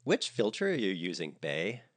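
A man's voice: sits low, huge pitch swings, moderate pace, fairly bright tone, full character voice. A man voicing a bubbly young woman tourist who gushes in a sing-song way.

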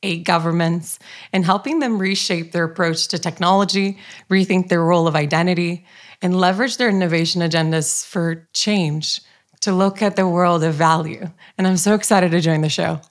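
A woman talks in a relaxed, chatty podcast conversation. Her voice sits on the lower side and comes across as eager and animated in manner, often dropping in casual fillers. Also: normal speed. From Brazil. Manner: enthusiastic, chatty, fillers like "you know". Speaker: podcast co-host.

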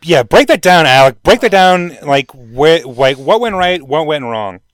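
Wry, smooth-voiced podcast man. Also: a little high, big pitch swings, unhurried, a bit bright, no echo. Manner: dry, wry quips. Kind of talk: casual chat.

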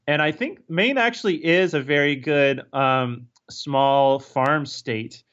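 A man who is a guest on a podcast, speaking hesitantly, with many pauses and restarts. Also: on the high side, a bit bright. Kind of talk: casual interview chat. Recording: dull lo-fi sound.

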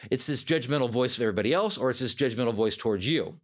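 A man's voice: medium pitch, rapid-fire. A man hosting a solo self-help podcast, talking emphatically and sometimes acting out the voices he describes. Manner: animated, emphatic, acts out quoted inner voices. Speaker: podcast host.

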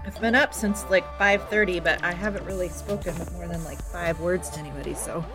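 A woman's voice: fairly low pitch, steady tone, a little fast, loud music behind the voice. A woman podcast host and history teacher chatting casually in an outtake, recorded muffled under a blanket at home, laughing at her own slips.

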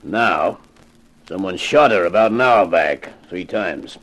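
An actor playing a blunt, businesslike, quietly menacing police lieutenant in a 1950s radio drama, speaking in clipped lines. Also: male voice, sits low, animated, takes it slowly, exaggerated voice, rough recording. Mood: blunt, official.

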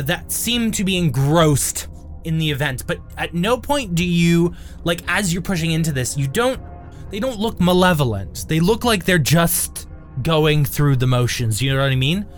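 A man with a slightly high voice narrates a tabletop game as its game master. He describes scenes haltingly, pausing and stretching words, over faint background music.

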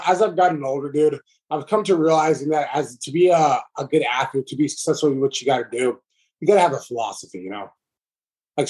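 Fast-talking husky man. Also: fairly high pitch, a little mellow. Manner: fast, rambling, peppered with "you know". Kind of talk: casual podcast chat.

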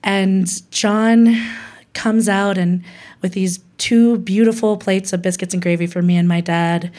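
A woman from Hawaii telling a personal story to an audience, animated, acting out the voices she quotes and laughing often. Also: medium pitch, measured pace.

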